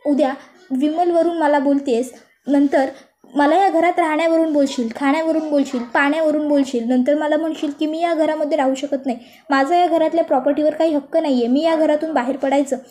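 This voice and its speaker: A woman voicing a brash young wife who picks quarrels, scornful and shrill, in a spoken serial recap. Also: fairly even intonation, brisk, mellow, close to an everyday voice.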